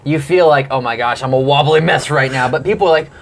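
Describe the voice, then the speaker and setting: A man's voice: mid-range voice, fast, a little hiss or hum. A man in his thirties, rambling and reflective in a casual podcast chat, often breaking off and restarting his sentences. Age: 30s. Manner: rambling, self-interrupting, reflective. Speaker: band member.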